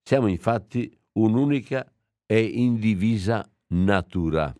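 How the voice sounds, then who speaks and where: Slow, low-voiced Italian priest. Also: male voice, lively intonation, mellow, no echo. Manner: slow, reflective reading with hesitations. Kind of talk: homily with reading aloud.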